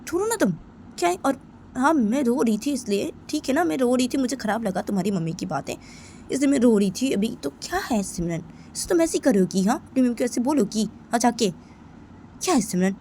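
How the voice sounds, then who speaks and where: A woman voicing a gentle young woman who soothes her partner in a soft, coaxing voice that drops near a whisper, in a homemade storytelling video. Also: a little high, lively intonation, fairly quick, a little hiss or hum, pitched above the performer's own voice. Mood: pleading.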